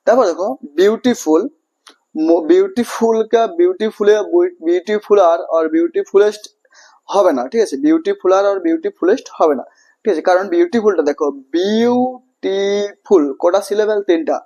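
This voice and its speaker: Bengali male teacher, high voice, repeats himself, keeps checking the class follows. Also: fairly quick, dark tone. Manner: repetitive, checks understanding often, asks and answers own questions. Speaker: English teacher. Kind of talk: classroom grammar lesson.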